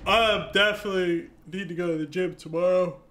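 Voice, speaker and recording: A man's voice: high-pitched, steady tone, brisk, a bit bright. A man giving laid-back, chatty commentary while streaming a game, chuckling often. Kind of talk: casual gameplay commentary.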